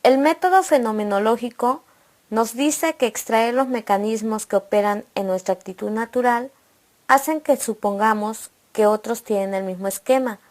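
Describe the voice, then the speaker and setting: A woman narrates a scripted lesson in a slightly high voice. She reads steadily and works through numbered points one after another. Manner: steady, read-aloud delivery listing points. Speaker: presenter of an educational video.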